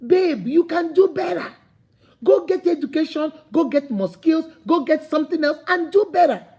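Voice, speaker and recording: Her voice sits high and warm as this Nigerian-accented motivational speaker talks expressively at a normal pace. The impassioned talk is preachy and repetitive, mounting to emphatic calls.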